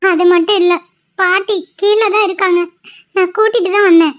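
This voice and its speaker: A woman's voice: very high-pitched, steady tone, normal speed. A woman voicing an emotional young pregnant wife in a cartoon, pleading and often tearful. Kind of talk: cartoon voice acting. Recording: dull lo-fi sound.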